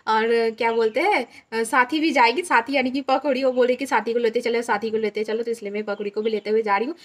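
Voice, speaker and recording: Woman vlogger with a slight lisp, high voice, chatty and explaining things as she goes. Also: fairly even intonation, quick pace. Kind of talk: casual home vlog chat.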